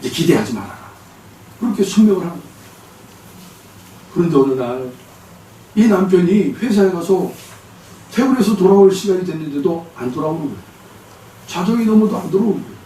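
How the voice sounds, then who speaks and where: Male pastor, lively sermon storyteller, fairly high voice, echoey church hall, distant mic. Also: brisk, long pauses. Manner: animated storytelling, acting out quotes. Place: church sanctuary.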